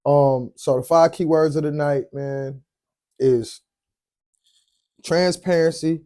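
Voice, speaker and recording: A tired man with a very dark, mellow voice talks in a laid-back, rambling way, trailing off with ums while he hunts for words. He chats casually, like a late-night host winding down. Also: on the high side, steady tone, takes it slowly. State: tired, yawning. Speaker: podcast host.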